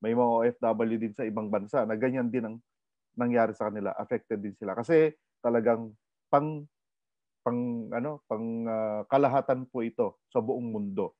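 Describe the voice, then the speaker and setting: Energetic Filipino male seminar presenter, lively delivery, dry and muffled webinar sound. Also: mid-range voice, moderate pace, no echo. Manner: animated, asks the audience questions, code-switches. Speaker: online orientation presenter. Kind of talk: energetic business seminar talk.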